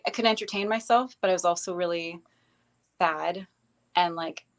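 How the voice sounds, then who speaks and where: A young woman, a guest in an interview, telling her life story in a hesitant, casual way with many pauses and restarts. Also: mid-range voice, a bit bright. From grew up in Bangladesh, later Canada.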